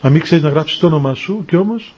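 A man, a monastic elder, giving a spiritual talk and telling stories with acted-out dialogue in an unhurried way. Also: a little high, darkish tone, slightly rough. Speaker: monastic elder answering questions. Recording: dull lo-fi recording.

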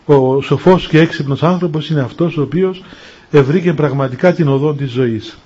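A man, a monastic elder, giving a spiritual talk and telling stories with acted-out dialogue in an unhurried way. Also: a little high, dark tone, husky. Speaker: monastic elder answering questions. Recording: dull lo-fi recording.

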